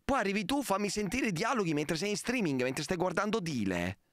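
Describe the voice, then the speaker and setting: A man's voice: sits high, animated, fast talker, a bit bright, no room sound, studio quality. A man live streaming late at night, ranting in exasperation and swearing at a prank.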